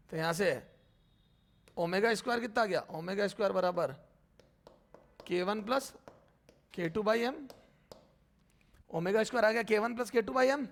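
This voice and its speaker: High-pitched and gravelly, with a bit of brightness, a man teaches physics at the board. He calls students "beta," asks and answers their questions himself, and slowly repeats each term as he writes it.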